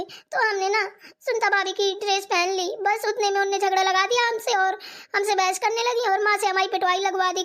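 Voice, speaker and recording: A woman's voice: very high-pitched, a bit bright. A woman voicing a sulky, tearful young sister-in-law. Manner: whiny, complaining between sobs. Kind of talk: cartoon voice acting.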